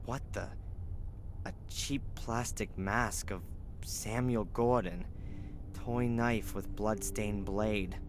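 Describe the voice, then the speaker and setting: Low-voiced sardonic game hero. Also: male voice, fairly even intonation, slow pace, a little hiss or hum. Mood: sardonic disgust. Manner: dry, sarcastic muttering to himself. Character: weary, sardonic male adventurer hero, grimly determined. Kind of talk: video game monologue. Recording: loud music behind the voice.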